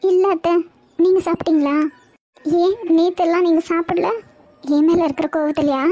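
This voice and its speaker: A woman's voice: very high-pitched, fairly even intonation, normal speed, warm tone, voice pushed up. A woman voicing a remorseful young woman in a cartoon web series, pleading and apologizing. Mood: worried.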